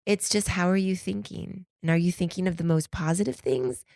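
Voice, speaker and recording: As a solo podcast host, this woman rambles candidly and casually, slangy and conversational, acting out imagined quotes. Her brisk, fairly low voice is a little mellow but stuffy and congested, and she's beginning to lose it. The studio-quality recording has no room sound.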